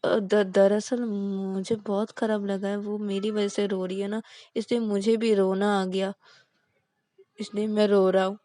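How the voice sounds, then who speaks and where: A woman's voice: mid-range voice, flat delivery, measured pace, warm tone, no echo, close to an everyday voice. A woman voicing a young man who is tearful, defensive and stammering, in a told story. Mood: guilty. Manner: stammering, pleading.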